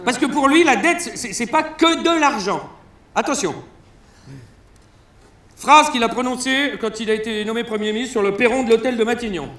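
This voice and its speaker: A male stand-up comedian on a concert hall stage, telling crude, mocking stories in an animated way. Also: very high voice, moderate pace. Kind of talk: satirical stand-up press review. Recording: roomy live hall sound.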